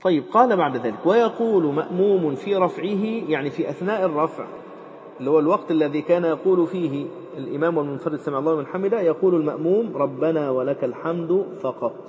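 A man with a fairly high, slightly mellow voice teaches Islamic jurisprudence, reading from a text and explaining it rapidly. He repeats and quotes phrases and uses many fillers. The lecture recording sounds dull, with long reverb and slight background noise.

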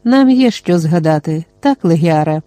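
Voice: mid-range voice, animated, normal speed, mellow, dry recording, close to an everyday voice. A reader voicing a scornful male mage who talks in a sarcastic, sneering way in an audiobook.

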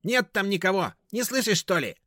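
A man voicing a quarrelsome, shrill woman neighbor who grumbles and scolds. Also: big pitch swings, moderate pace, bright, forceful tone, dry recording, studio quality, heavily acted. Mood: scolding.

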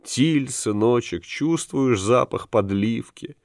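A man reading an audiobook, voicing a kind-hearted peasant mother who speaks softly and coaxingly, lifting his pitch a little for her. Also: animated, takes it slowly, dry recording, clean studio sound. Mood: tender.

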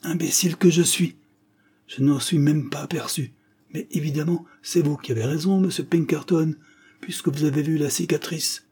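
A man reads an old estate steward in an audiobook, eager to please and quick to worry. The voice is mellow and husky, earnest throughout. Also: on the high side, voice pushed up. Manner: earnest, easily surprised. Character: old male estate steward, anxious, deferential. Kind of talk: audiobook character reading.

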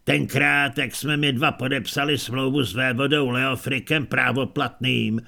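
A man voicing a coarse old barbarian veteran reminiscing loudly in colloquial speech. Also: medium pitch, fairly even intonation, creaky.

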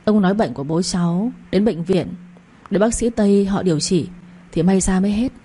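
A woman's voice: mid-range voice, fairly quick, mellow, husky. A woman giving earnest, heartfelt first-person narration of a story.

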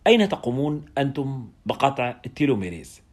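A man voicing a calm, dryly sarcastic male lab doctor in a storybook reading, with a husky voice. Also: medium pitch, fast. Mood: casual.

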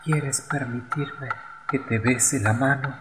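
A frail little swallow speaks in a high, hushed, breaking voice, put on by a male narrator. The words come slowly and tenderly. It is a storybook figure near the end of its strength. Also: fairly even intonation, noisy background, natural voice. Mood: tender, fading. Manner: soft, faltering, breathy. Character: tiny dying swallow, frail and loving.

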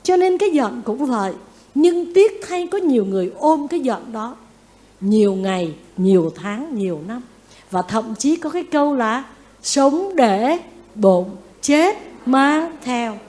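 A Buddhist nun giving a lively dharma talk, often asking her listeners questions and acting out what people say. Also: fairly high pitch, normal speed. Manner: lively, asks the audience questions, acts out quotes. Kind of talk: sermon.

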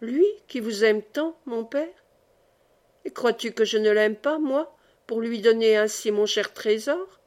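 A woman's voice: a little high, unhurried, darkish tone, natural voice. A woman reading the part of an old exiled nobleman, a doting father who speaks with fervent emotion. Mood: tender, brooding.

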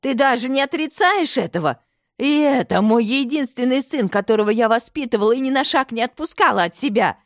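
A woman voicing an imperious, domineering aristocratic mother who scolds in a shrill, commanding tone. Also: big pitch swings, moderate pace, darkish tone, dry recording, clean studio sound. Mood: furious.

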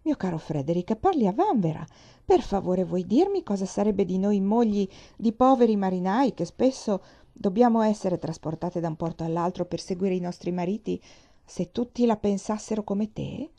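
A woman's voice: medium pitch, expressive, normal speed, vocal fry, dark tone. A woman reading the part of a forthright middle-aged navy wife, speaking emphatically, as if lecturing. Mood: arguing.

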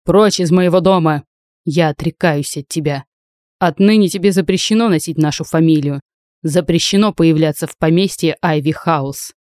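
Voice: medium pitch, normal speed, a little mellow, dry recording, natural voice. A reader voicing a stern, commanding noble uncle who talks harshly and imperiously, in a dry close recording. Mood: cold, domineering. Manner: harsh, imperious, barks orders.

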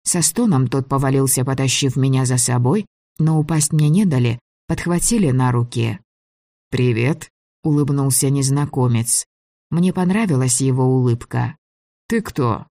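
An audiobook reader narrating a first-person fantasy story in an even, measured way. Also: mid-range voice, no room sound, clean studio sound.

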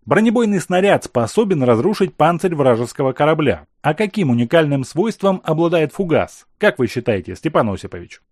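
A man voicing a calm, authoritative emperor who questions his officers and lays out plans in a measured, explaining manner. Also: on the high side, no room sound, studio quality. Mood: instructive.

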